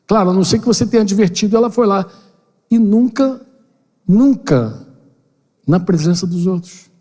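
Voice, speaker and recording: A man's voice: sits high, normal speed. Older guy preaching in a church hall, acts out dialogues, lots of echo trailing off. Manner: animated, acts out dialogues with playful slang. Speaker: pastor leading a parenting seminar. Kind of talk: conversational sermon. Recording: long hall reverb.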